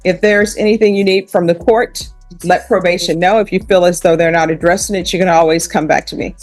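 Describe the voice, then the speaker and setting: A woman's voice: fairly low pitch, fairly even intonation, brisk, soft background music. A woman judge presiding over a hearing, heard in a courtroom recording, speaking firmly and going step by step through the procedure. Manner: firm, procedural, speaks directly to the defendant.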